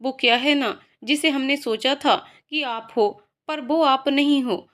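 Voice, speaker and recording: A woman's voice: high voice, a little slow, a bit bright. A woman voicing a mischievous, anxious young village girl in a storybook reading. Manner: pleading, flustered.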